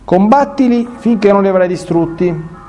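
A man reading the lines of a stern elderly prophet who rebukes a king gravely. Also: high voice, expressive, normal speed, warm tone, soft background music.

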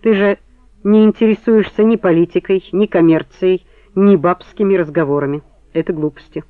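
A man reading the part of a sharp woman who questions her lover in cool, cutting lines. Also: high voice, normal speed, clean tone, no room sound, natural voice. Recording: tinny phone-like band, dry.

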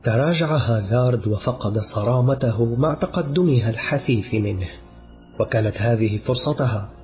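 Male audiobook narrator, mid pitch, measured, dull recording with music under it. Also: a little mellow.

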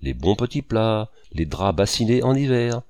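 A man's voice: lowish voice, big pitch swings, moderate pace, a little mellow, no echo, studio quality. Man reading as a boastful jovial painter. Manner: grandiose, voluble.

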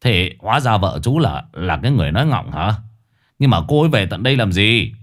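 A man's voice: fairly low pitch, sing-song, a little fast. A man voicing a fussy middle-aged village chief who stammers and talks hesitantly. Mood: surprised.

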